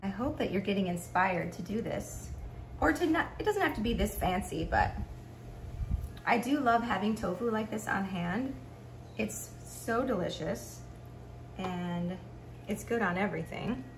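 Recorded on a camera mic from a few feet away in her echoey, faintly humming kitchen, a middle-aged woman cooks at home for her casual vlog. She chats and explains at a measured pace, her medium-pitched voice expressive and creaky.

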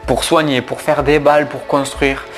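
A man chats through his gameplay session, speaking straight to his viewers and stumbling through fillers and restarts as he goes. His voice sits at an ordinary middle pitch. Faint game music plays quietly underneath. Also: little pitch movement, moderate pace. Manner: chatty, addresses viewers, frequent fillers and restarts. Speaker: gaming YouTuber. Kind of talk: casual let's-play commentary.

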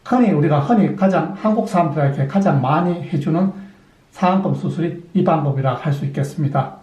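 Middle-aged surgeon guy walking through procedures, mellow voice, kinda roomy echo. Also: fairly high pitch, brisk, lo-fi sound. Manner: methodical, poses and answers his own questions. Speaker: plastic surgeon. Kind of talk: explanatory clinic talk.

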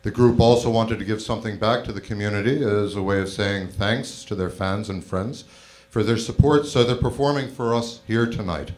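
A man's voice: fairly low pitch, normal speed, a little mellow. Brief: middle-aged male host, stage announcer, handheld mic, small theater. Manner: announcer-like, building to a hype call. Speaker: show host. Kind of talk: stage introduction. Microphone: handheld mic on stand.

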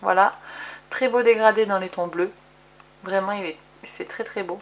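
A woman's voice: mid-range voice, steady tone, moderate pace, a little hiss or hum. Chatty French-speaking woman demonstrating crafts. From France. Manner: chatty, with many fillers and self-corrections; jokes about her own English accent. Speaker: craft video host. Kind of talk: casual craft tutorial.

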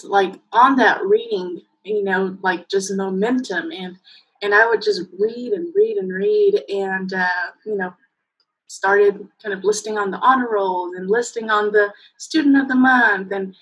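An unhurried woman in her thirties from Mexico, whose first language is Spanish, talks in a husky, medium-pitched voice over a rough recording. She's the guest in a laid-back interview over video call from home, captured by her laptop webcam, and she tells warm stories with plenty of fillers and laughter bursting through.

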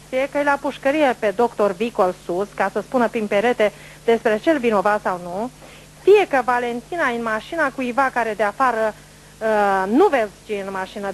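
A woman's voice: on the high side, slight background noise, low-quality recording. Chatty middle-aged woman. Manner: animated, rambling, folksy regional speech. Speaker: clairvoyant speaking to a group. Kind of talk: long storytelling monologue. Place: indoor meeting room, standing before a seated group.

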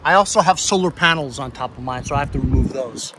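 A man's voice: medium pitch, fast. A middle-aged man casually reviewing a product in a suburban driveway, chatting to viewers he calls guys, recorded on a phone camera. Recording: outdoor street noise behind.

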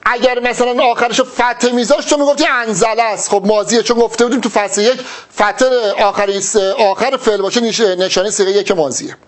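A man's voice: high voice, steady tone, few pauses. A man teaching an exam-prep Arabic grammar lesson, talking through each test answer step by step and speaking directly to the student. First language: Persian.

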